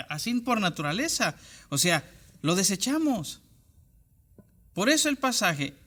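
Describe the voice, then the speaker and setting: A man preaching an online church sermon with a high, bright voice. He talks straight to his listener and stacks short parallel phrases for emphasis. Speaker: pastor.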